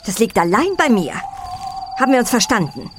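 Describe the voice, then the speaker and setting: An actress playing a haughty, condescending blackmailer in a crime audio play. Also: female voice, a little high, very animated, fairly quick, background noise. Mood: smug. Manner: haughty, mock-civil. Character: smug, condescending female blackmailer.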